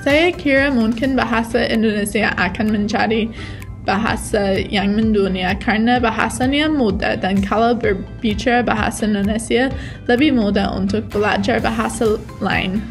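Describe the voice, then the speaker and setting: Young woman, slightly high and creaky. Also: normal speed, faint music behind. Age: young adult. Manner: foreign learner speaking Indonesian. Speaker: university student. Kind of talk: prepared testimonial.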